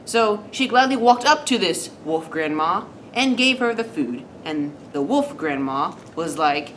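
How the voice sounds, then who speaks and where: Lady making up a silly fairy tale, animated, low-ish voice, wry and playful. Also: unhurried, slight background noise. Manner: playful, self-correcting, wry asides. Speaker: storyteller. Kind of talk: improvised comic storytelling.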